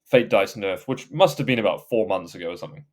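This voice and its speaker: Low-voiced man, casual podcast chat. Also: expressive, quick pace. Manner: rambling, many fillers and restarts, laughs easily. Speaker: podcast co-host.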